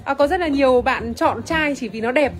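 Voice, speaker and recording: A woman's voice: high voice, normal speed, faint music behind. Chatty woman presenting wine on a livestream. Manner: chatty, many fillers, greets viewers by name. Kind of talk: casual livestream product demo. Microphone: phone camera, iPhone.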